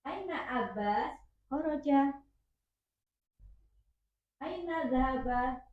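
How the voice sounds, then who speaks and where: High-voiced woman student, echoey muffled audio. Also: expressive. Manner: halting, careful reading with restarts. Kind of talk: reading practice dialogue aloud.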